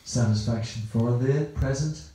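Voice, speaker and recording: Irish man with a dark, echoey voice. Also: mid-range voice, moderate pace. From Ireland. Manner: rambling, conversational, repeats words and phrases. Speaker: temple speaker. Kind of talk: Sunday talk to a temple audience. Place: temple hall. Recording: very echoey room.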